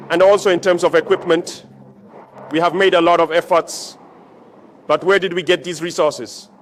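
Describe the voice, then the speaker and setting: A man's voice: a little high, slight background noise. A man giving a rallying political speech to troops as a military leader, exhorting them with repetition and rhetorical questions.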